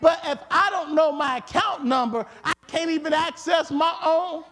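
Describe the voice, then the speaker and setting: A man preaching a sermon with emphatic repetition, at times rising to shouts. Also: very high-pitched, normal speed. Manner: emphatic, repeats words, rises to shouts.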